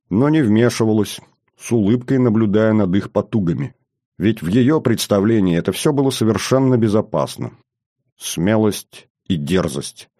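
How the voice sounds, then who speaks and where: A man's voice: lowish voice, dark tone, dry recording, clean studio sound. A man narrating an audiobook in a wry, conversational storytelling manner.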